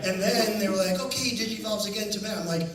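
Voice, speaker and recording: A man's voice: sits high, fast. A man who is a voice actor answering fan questions at a convention panel, joking and self-deprecating. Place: large convention hall. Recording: echoey hall, distant camera mic, noisy.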